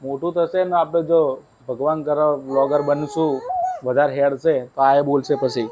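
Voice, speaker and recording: Young male family vlogger, casual chat at home, slightly high voice, dull lo-fi sound. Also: fairly even intonation, moderate pace, noisy background. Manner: chatty, coaxing a small child. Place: home at night. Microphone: handheld mic.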